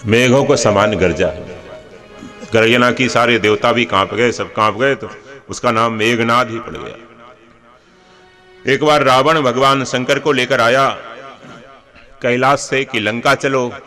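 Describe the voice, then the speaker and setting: A man's voice: medium pitch, fairly even intonation, unhurried, pauses often, pushed and bright, faint music behind. A man preaching a devotional sermon, telling scripture stories in a homely, anecdotal way with humorous asides. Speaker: religious preacher.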